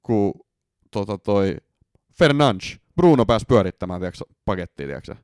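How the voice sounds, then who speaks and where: A man argues in a heated podcast debate, his pitch climbing sharply as he pushes back and dropping low on his trailing fillers. He swears freely and keeps a loose, conversational flow. The recording is dry and close. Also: clear, resonant tone, dry recording. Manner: animated, swearing, frequent "tiiäks" fillers, pitch jumping up when arguing. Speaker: podcast co-host.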